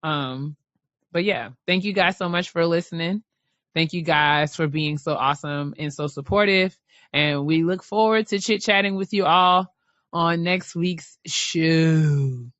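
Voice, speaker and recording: A woman co-hosting a casual podcast, talking in an animated way and repeating phrases as she builds a point. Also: on the low side, unhurried, dry recording, dull audio. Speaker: podcast co-host.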